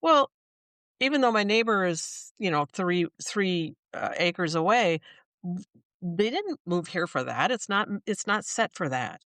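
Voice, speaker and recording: Chatty businesswoman, lowish voice, dry sound. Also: expressive, measured pace, fairly bright tone, no room sound. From Minnesota. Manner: chatty, explains with examples, frequent restarts. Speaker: small business owner, guest. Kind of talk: casual interview talk.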